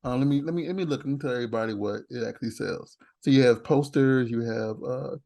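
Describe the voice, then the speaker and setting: Excitable male podcast host. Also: mid-range voice, fast, vocal fry. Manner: excitable, stumbling restarts and laughs. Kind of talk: casual interview chat.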